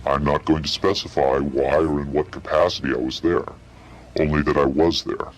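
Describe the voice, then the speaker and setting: A man heard through a disguised, pitch-shifted deep voice, giving guarded, curt and evasive answers as an anonymous interviewee. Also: flat delivery, moderate pace.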